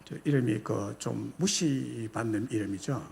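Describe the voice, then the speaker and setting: A male pastor preaching a sermon, slowing down to stretch out key words. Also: medium pitch, creaky. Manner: animated, with slow drawn-out emphasis.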